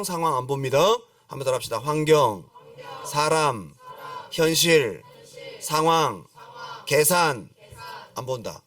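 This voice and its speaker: A middle-aged man preaching a lively sermon as a pastor, acting out pleading prayers and calling on the congregation to repeat after him. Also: on the high side, no echo, studio quality, recorded from a distance. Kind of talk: lively Friday-service sermon. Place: church sanctuary.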